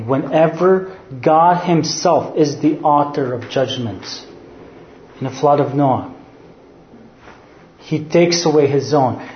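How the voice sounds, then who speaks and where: This pastor from Serbia, voice a little high and Serbian-accented, makes his sermon's points by asking questions and supplying the answers, in an earnest, teaching manner. The room echoes, and the lo-fi recording carries a little hiss or hum.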